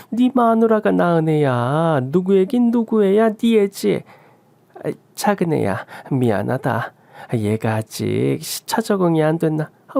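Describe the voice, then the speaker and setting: A man voicing a pushy older mother-in-law who scolds and gloats in a high, drawn-out voice. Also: vocal fry, a little mellow, dry recording, full character voice. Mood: flustered. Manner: shrill, scolding, drawn-out wails.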